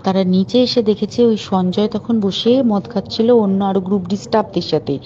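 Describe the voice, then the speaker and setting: Speaking informally and urgently on a private phone call, a woman makes her indignation plain. Her voice is dark-toned and medium-pitched, at a moderate pace. The recording is muffled, with a faint hiss.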